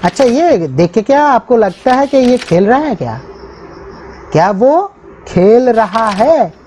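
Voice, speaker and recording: A woman's voice: a little high, very animated, slow, mellow, a little hiss or hum. A woman teacher explaining a textbook lesson, reading each phrase aloud and then translating it word by word.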